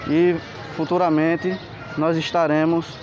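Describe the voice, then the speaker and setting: Walking through an outdoor street market, a man with a Pernambuco accent narrates for his travel vlog, showing off sights and urging viewers to like the video. He talks slowly in a level, somewhat high yet darkish voice, recorded as lo-fi handheld camera audio full of street noise.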